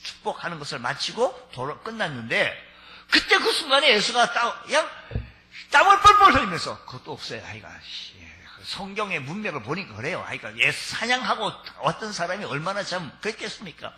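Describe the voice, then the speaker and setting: Animated bright-voiced male preacher. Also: high-pitched, fairly quick. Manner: animated storytelling, acting out dialogue; exhorting, builds to shouts. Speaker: pastor. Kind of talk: sermon.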